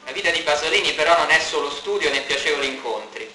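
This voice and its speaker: A male documentary narrator with a very bright, sharp tone, slightly high for a man. His clear, informative delivery rings in a roomy space. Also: animated, fast talker. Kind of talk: scripted narration. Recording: roomy reverb.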